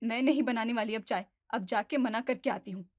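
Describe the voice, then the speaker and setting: A tired, exasperated young daughter-in-law, as a woman puts her on, forever muttering complaints under her breath in a family audio story. Her voice is high and light, pitched above the narrator's own. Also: a little fast, close to an everyday voice. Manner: mutters grumbling asides to herself.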